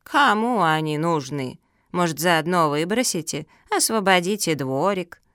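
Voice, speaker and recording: A woman voicing a cunning, smug old female tortoise in a children's audiobook, with a slow, drawling, condescending way of talking. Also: lowish voice, expressive, fairly bright tone, clear, resonant tone, dry recording, studio quality.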